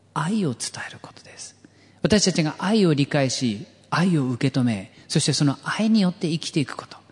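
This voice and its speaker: A man's voice: a little high, darkish tone. Pastor guy preaching, voice goes up and down a lot, long church hall echo. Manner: earnest preaching, often trailing into whispered phrase ends; light jokes for the congregation. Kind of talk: sermon.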